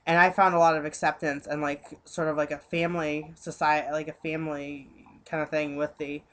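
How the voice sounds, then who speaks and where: A young man with a head cold who sounds congested, speaking in a hesitant, halting way full of fillers. He is talking earnestly about his personal feelings in a casual home webcam vlog. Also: a little high, level tone, a bit bright.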